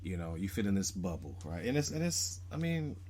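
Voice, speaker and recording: A man co-hosting a casual podcast, thoughtful and quick to laugh. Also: low-pitched, very animated, darkish tone, slight background noise. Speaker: podcast co-host. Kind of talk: casual chat.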